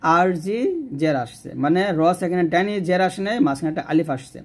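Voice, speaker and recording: A man teaching Quran reading, explaining rules patiently and drawing out slow recited examples. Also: fairly high pitch. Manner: patient step-by-step explanation, asks and answers own questions.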